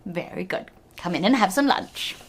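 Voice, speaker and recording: A woman voicing a kindly, motherly giantess in a fairy tale, brisk and soothing. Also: medium pitch, animated, slightly rough.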